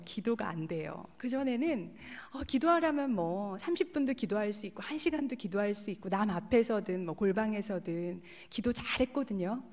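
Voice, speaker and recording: A woman's voice: a little high, darkish tone. A woman in her thirties giving an earnest, emotional testimony in church as campus ministry staff. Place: church sanctuary. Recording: long church hall reverb.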